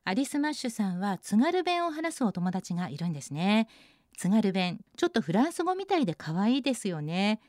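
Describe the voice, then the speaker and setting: A woman hosting a radio segment, reading out listener posts and adding bright, chatty comments on each one. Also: mid-range voice, sing-song, brisk, no echo, clean studio sound. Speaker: radio host.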